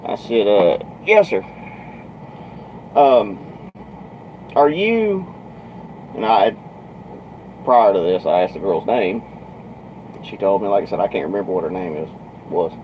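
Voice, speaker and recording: A man's voice: sits low, moderate pace, pauses often, lo-fi sound, slight background noise. A man, a truck driver, telling a story in a blunt, profane, drawling way from his truck cab. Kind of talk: casual storytelling.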